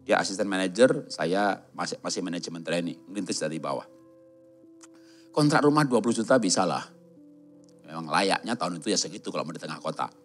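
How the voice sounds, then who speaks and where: A man's voice: low-pitched, lively intonation, fairly quick, faint music behind. A middle-aged man with a voice, preaching a sermon in a church, telling stories and jokes and acting out the quoted voices. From Java. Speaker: pastor. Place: large church hall.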